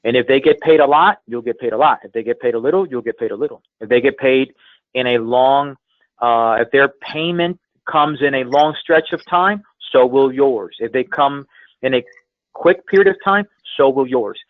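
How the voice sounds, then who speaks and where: Over a tinny, band-limited phone conference line, a man talks at a normal speed in a mid-range voice. He's a sales trainer appearing as a guest speaker, giving motivational coaching with emphatic delivery and phrases repeated for effect. The telephone recording is dry.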